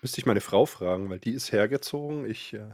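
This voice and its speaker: A man's voice: on the low side, a little fast, darkish tone, no echo. Man chatting casually, dry sound. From Germany. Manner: chatty, anecdotal. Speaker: quiz contestant. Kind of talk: casual podcast chat.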